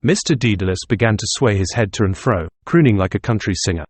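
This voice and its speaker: Brief: male audiobook narrator, measured, low register, dead studio. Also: animated, a little mellow, no room sound. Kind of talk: scripted narration.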